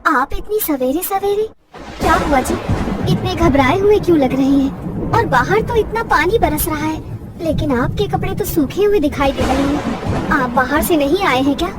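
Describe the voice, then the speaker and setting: A performer voicing a worried young village wife who asks anxious questions. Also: male voice, very high-pitched, lively intonation, moderate pace. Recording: distant mic with loud music.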